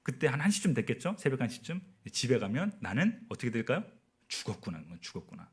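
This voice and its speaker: A man in his forties, a missionary, tells a personal story during a sermon at a prayer meeting, often putting questions to the audience. His mid-range voice moves fast with big swings in pitch and a breathy edge.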